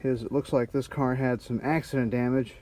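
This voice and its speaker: A man in a garage narrating his car restoration in a casual, halting way, his voice muffled by a respirator mask. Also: mid-range voice, steady tone, mellow, slight background noise. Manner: halting, many fillers while working. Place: auto body garage.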